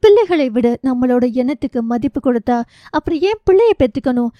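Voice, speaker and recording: A bitter, hurt wife and mother, voiced by a woman reading a novel aloud from an audiobook. Her tone is high and mellow, and she voices her grievances with a slow, reproachful weight. The sound is dry and close. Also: animated, dry recording.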